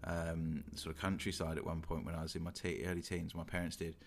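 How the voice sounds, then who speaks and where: A man's voice: low voice, level tone, fairly quick, vocal fry. A young man with a London English accent, chatting casually and reflectively, hedging often with "sort of" and "you know". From England. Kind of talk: casual chat.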